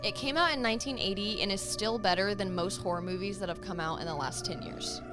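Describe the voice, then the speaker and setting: A teenage girl giving a movie review on a student news show, reading with a lively, upbeat delivery. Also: medium pitch, quick pace, music in the background. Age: teens.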